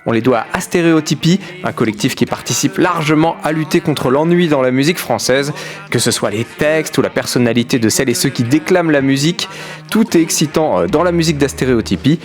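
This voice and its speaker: A man's voice: on the high side, brisk, faint music behind. Conversational male radio host. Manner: friendly, conversational questioning. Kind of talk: radio interview.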